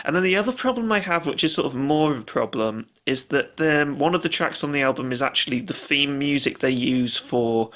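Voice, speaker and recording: A man's voice: medium pitch, lively intonation, fairly quick, hardly any pauses, fairly bright tone. A man co-hosting a podcast, chatting casually about an album, laughing often. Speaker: podcast co-host. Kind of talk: casual music review chat.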